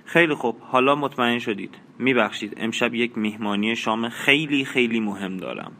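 A man voicing a sharp-tongued young actress. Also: mid-range voice. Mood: cold. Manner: sharp, impatient. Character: proud ambitious young actress.

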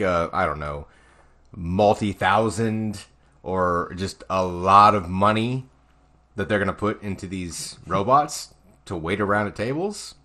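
A man chatting casually as a co-host, joking and laughing as he talks. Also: on the low side. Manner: laughing, animated storytelling. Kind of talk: casual chat.

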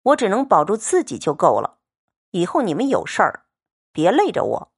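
A woman's voice: mid-range voice, huge pitch swings, normal speed, breathy edge, exaggerated voice. A woman voicing a cold, aloof young noble girl who speaks with scorn. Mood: cold scornful. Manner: scornful, lecturing.

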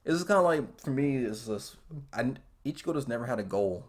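A man's voice: medium pitch, expressive, brisk, a little mellow. A young American man hosting a casual anime chat, thinking aloud in an earnest, hesitant way. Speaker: podcast host.

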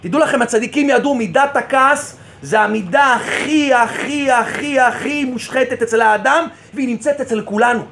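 A rabbi giving an impassioned sermon, asking rhetorical questions and repeating phrases for emphasis. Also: male voice, very high voice, few pauses, fairly bright tone.

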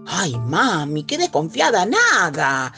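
In an exaggerated performance, a woman plays a pleading, mischievous little girl with a Rioplatense Spanish accent, whiny, insistent, and high-pitched in a wheedling mood. Her pitch swings hugely, her pace is slow and her tone sharp, with faint music in the background.

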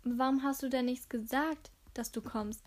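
A woman's voice: sits high, steady tone, a little fast. Woman reading as a dignified, composed mother. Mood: warm. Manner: composed, gently admonishing. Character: dignified middle-aged mother and businesswoman.

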